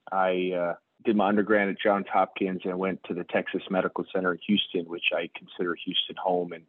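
A man in middle age, a surgeon turned hospital executive, speaks in a very deep voice. He reflects on each answer as he goes, pausing with fillers and circling back on himself. His voice comes dry and thin, as over a phone line. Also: dry recording. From United States. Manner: thoughtful, many fillers and restarts. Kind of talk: conversational interview answers.

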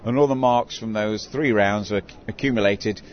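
A man's voice: fairly low pitch, normal speed. An older man who works as a town crier, telling stories conversationally in an interview. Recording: dull recording with clear background noise.

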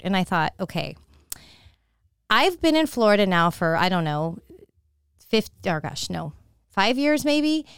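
A woman's voice: mid-range voice, clear, resonant tone, no echo, clean studio sound. A woman in her forties hosting a solo podcast, talking candidly and confidingly about her year, often restarting her sentences. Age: 40s. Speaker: podcast host. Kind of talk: casual solo podcast monologue.

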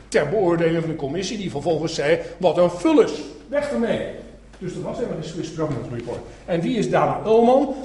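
A man giving a public lecture with slides, animated and sarcastic, acting out the people he quotes. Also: sits high. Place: lecture hall. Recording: echoey hall, faint noise.

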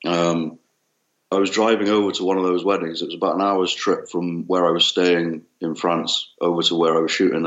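A man from the UK, a wedding photographer guest with a deep bassy voice, hung over, chatting casually and laughing easily in an interview. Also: echoey room, muffled recording. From United Kingdom.

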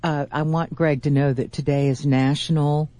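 Mellow-voiced radio co-host reading questions. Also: medium pitch, little pitch movement, moderate pace. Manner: reads listener questions aloud. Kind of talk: radio talk show chat.

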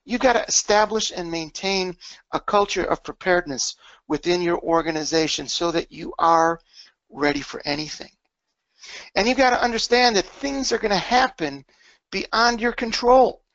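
A man's voice: high voice, normal speed, a bit bright, dry recording, muffled recording. A man giving an emergency preparedness webinar, emphatic, stressing words and stacking up lists. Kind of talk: webinar presentation.

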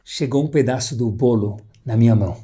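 A tender, learned father in a told story, speaking low and hushed, as a man puts him on. The voice is warm and husky, and it stays soft and quiet. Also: brisk, lightly acted. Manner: low, quiet, gentle speech.

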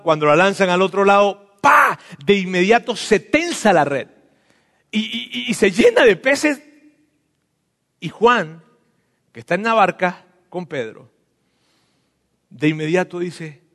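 Pastor preaching, high voice, lively, acts out the lines, echoey church hall. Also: male voice. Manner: animated preaching, acts out voices, swings from loud to hushed. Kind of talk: sermon. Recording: long reverb of a hall.

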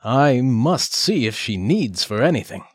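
A man voicing a passing huntsman in a brisk, practical manner. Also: medium pitch, sing-song, slightly rough, dry recording, studio quality. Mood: concerned. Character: gruff passing male huntsman.

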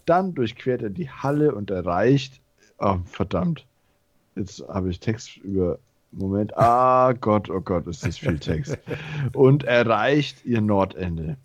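A man's voice: fairly low pitch, expressive, slow pace, no echo. A man reading the text of a game aloud to a fellow player, stumbling and commenting as he goes. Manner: reads long passages aloud, stumbles and comments. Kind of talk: let's-play reading and chat.

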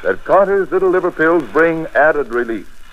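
A man's voice: a little high, lively intonation, normal speed. A man reading a commercial as an old-time radio announcer, with an emphatic, polished sales delivery. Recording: dull lo-fi old radio recording.

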